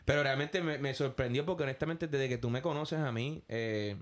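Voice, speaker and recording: A Puerto Rican man talks on his podcast in a loose, rambling way. He stumbles over repeated words and mixes in English fillers as he goes. His voice sits at an ordinary, middle pitch. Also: brisk. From Puerto Rico. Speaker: podcast host. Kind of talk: casual interview chat.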